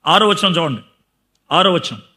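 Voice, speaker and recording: A man preaching a sermon in an animated way, reading scripture aloud and acting out the voices of the people in his examples. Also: sits high, moderate pace. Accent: Telugu-speaking South Indian. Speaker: pastor.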